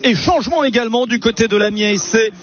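A man doing play-by-play radio football commentary in a brisk, descriptive way, with frequent hesitations. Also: very high-pitched, a bit bright. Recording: lo-fi radio broadcast with faint noise.

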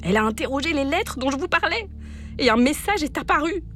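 A woman's voice: sits high, lively intonation, fast talker, fairly bright tone, soft background music. An actress playing a scheming, obsequious female thief in an audio drama, fawning and theatrical. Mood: scheming, deferential. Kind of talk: scripted audio drama acting.

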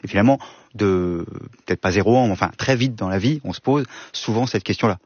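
A man speaking as an expert guest, explaining in a quick, lively and playful way. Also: on the low side, husky, dry recording. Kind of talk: explaining in a studio discussion. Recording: slightly dull, muffled sound.

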